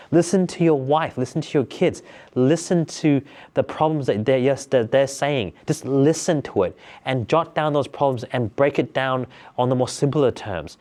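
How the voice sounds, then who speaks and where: A man talking casually to camera, coaching viewers on business ideas in an energetic, repetitive way. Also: mid-range voice. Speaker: business tips vlogger. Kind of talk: casual motivational talk to camera.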